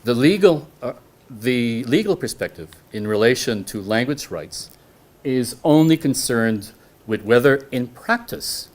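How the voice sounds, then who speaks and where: This man, a guest lecturer whose first language is French, speaks measured English while lecturing on law to a hall audience. He restarts phrases often and puts questions to his listeners, using an animated, medium-pitched voice with a darkish tone.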